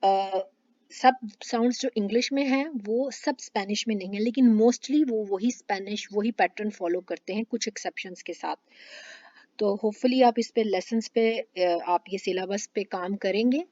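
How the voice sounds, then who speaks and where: A woman teaching a language lesson, slowly stretching out syllable drills and mixing English words into her explanations. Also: medium pitch, mellow, dry recording, highs cut off.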